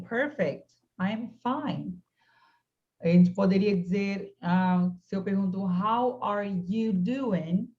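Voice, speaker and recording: A woman's voice: mid-range voice, dull audio. A woman teaching an online English class, patiently modeling phrases for her students.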